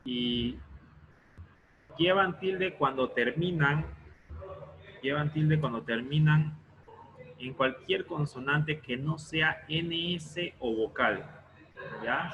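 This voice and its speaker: A man's voice: mid-range voice, highs cut off, noisy background. A male teacher explaining a lesson step by step in an online class, often stopping to check that students follow.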